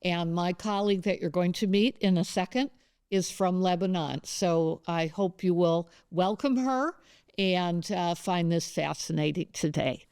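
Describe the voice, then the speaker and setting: Female professor host, low-pitched, smooth and clear, dry close sound, loose rambling delivery. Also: unhurried, a little mellow, no room sound. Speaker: professor and interviewer. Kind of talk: conversational interview. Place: campus studio.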